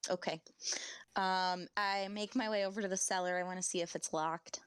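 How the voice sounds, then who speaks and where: A woman's voice: lowish voice, fairly even intonation, normal speed, smooth, no room sound. A woman playing a bard in a tabletop game, speaking earnestly. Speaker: player. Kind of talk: tabletop role-play.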